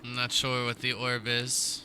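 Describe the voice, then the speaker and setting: A man voicing a quiet, measured female spirit guide who speaks slowly and softly. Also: medium pitch, completely flat delivery, slight background noise. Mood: solemn.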